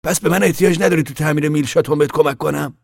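Guy putting on a young hothead, voice way up high and gravelly, dry close sound, shouty and huffy. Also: dry recording. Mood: defensive. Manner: indignant, shouting. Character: hot-tempered young man, touchy and quick to shout. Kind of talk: audiobook character voice.

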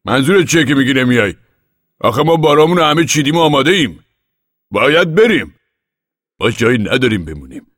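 A man's voice: mid-range voice, sing-song, pauses often, a bit bright, dry recording, clean studio sound, voice pushed up. A man doing an urgent farm father. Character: hurried father of a farming family.

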